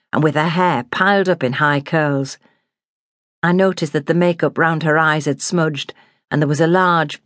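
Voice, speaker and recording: A woman narrating a memoir in a measured, plain storytelling manner. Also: on the low side, dry recording, clean studio sound.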